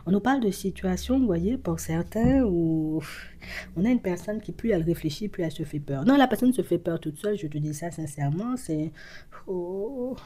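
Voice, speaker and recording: Mellow-voiced woman doing a card reading, chatty, lots of fillers, whispers sometimes. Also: on the low side, moderate pace. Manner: animated, repetitive fillers, drops into whispers. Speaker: card reader. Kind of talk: casual tarot-style reading to camera.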